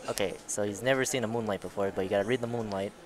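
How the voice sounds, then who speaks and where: A man's voice: on the low side, fairly even intonation, racing. Chatty man commentating over crowd noise. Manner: laughing, chatty, swears casually. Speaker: tournament commentator. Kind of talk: casual live commentary. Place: busy card tournament venue.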